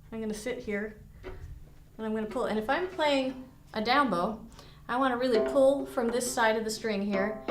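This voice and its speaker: A woman's voice: fairly high pitch, a little hiss or hum. Woman teaching viola in echoey studio. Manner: encouraging, explains with imagery. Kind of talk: instructional lesson with demonstration. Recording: echoey room.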